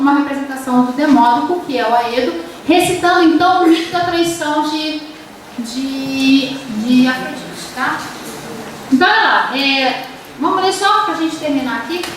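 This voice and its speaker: A woman's voice: sits high, recorded from a distance, slight background noise. Brazilian woman lecturing in an echoey classroom. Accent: Brazilian Portuguese. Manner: explanatory, many fillers and restarts, reads verse aloud. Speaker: literature professor. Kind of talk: university lecture.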